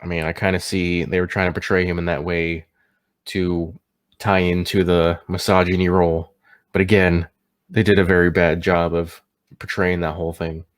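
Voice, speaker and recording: A man's voice: sits low, level tone, moderate pace. A man giving a casual, unscripted movie review, sounding tipsy as he stumbles over words and catches himself.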